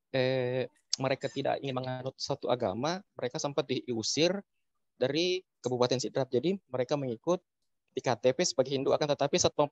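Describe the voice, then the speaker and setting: A man's voice: mid-range voice, darkish tone. A man from South Sulawesi speaking on a panel over a bad-connection video call, explaining things with frequent hesitations. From South Sulawesi, Indonesia. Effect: muffled video-call audio on a bad connection. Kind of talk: discussion on an online call. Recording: dull dry call audio.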